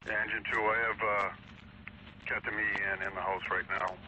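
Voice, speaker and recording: Low, flat-voiced firefighter man on noisy radio. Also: moderate pace. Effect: two-way radio. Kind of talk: fireground radio report.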